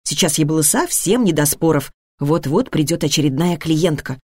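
Woman narrator, scripted audiobook reading, animated pitch, dry close sound. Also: normal speed, dry recording.

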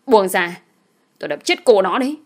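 A woman voicing a furious, protective young man in an audio story, shouting rough threats. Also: mid-range voice, expressive, moderate pace, natural voice.

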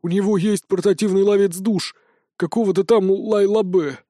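Guy putting on a scared beetle lord villain, high and begging, dry close sound. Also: fairly even intonation, normal speed, mellow, no echo. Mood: cowed. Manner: pleading, panicky. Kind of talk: audiobook character voice.

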